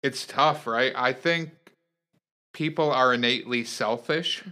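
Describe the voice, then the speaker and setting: A man co-hosting a podcast, casually talking through a TV episode and retelling scenes in an animated way. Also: medium pitch, measured pace. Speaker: podcast co-host. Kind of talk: casual chat recapping a TV show.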